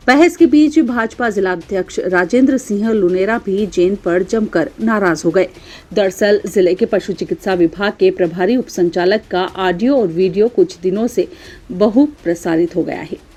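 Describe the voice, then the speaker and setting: A woman reading a local news bulletin in a formal, even voice. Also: mid-range voice, moderate pace. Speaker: news reader. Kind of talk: scripted news narration.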